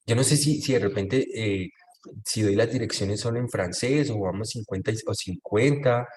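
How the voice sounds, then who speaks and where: Guy teaching french online, lowish voice, patient, keeps checking everyone's following. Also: normal speed, darkish tone. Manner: patient, often checks understanding with tag questions; mixes French phrases with Spanish explanations. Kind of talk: online class, explaining and prompting students. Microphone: video call.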